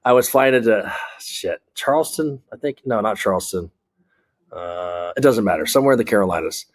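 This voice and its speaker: Speaking at a normal speed with a fairly low, expressive voice, this American air traffic controller is a candid interview guest. His explanations are blunt and emphatic, full of examples and industry jargon.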